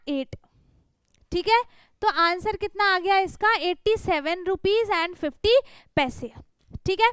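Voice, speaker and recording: Here a young woman's very high, fairly bright voice comes through with no echo as she teaches small children a worksheet. Patient throughout, she asks "theek hai" and "hai na" to confirm they're following along.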